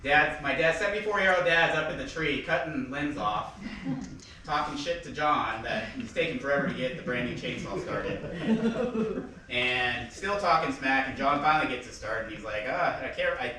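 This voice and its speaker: A man giving a casual eulogy for his father, telling stories, laughing and loudly quoting outbursts. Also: medium pitch, expressive, normal speed, a little hiss or hum. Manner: chatty storytelling with laughs and loud quoted outbursts. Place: funeral service hall. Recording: echoey hall from far off.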